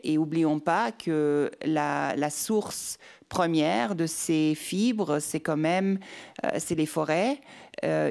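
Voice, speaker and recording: A woman speaking unscripted at a round-table discussion, deliberate and hesitant, repeating words as she formulates her point. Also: low voice, gravelly, darkish tone. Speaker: panel speaker.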